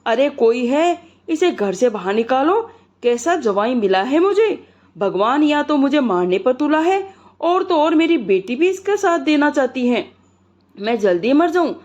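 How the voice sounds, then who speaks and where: Woman playing a sick old father-in-law, indignant, exasperated, highish voice, muffled sound. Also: animated, unhurried, a little mellow. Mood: angry.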